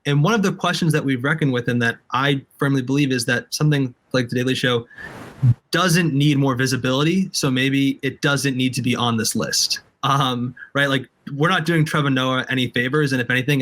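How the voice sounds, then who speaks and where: A man moderates a panel over a video call in a chatty, casual way. His speech is loose and full of fillers. His pitch is ordinary. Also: a bit bright. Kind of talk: live panel discussion.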